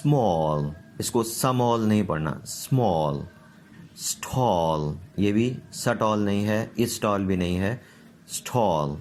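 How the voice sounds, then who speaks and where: A man with a fairly low voice gives a recorded pronunciation lesson. He reads word lists steadily and repeats the examples, pausing to check that the listeners are following. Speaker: English pronunciation teacher.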